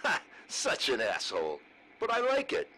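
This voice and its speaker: A man's voice: fairly high pitch, wildly swooping pitch, moderate pace, sharp tone, exaggerated voice. A man playing a jovial, teasing prisoner chatting over radio in a comic video game. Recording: slightly noisy radio transmission.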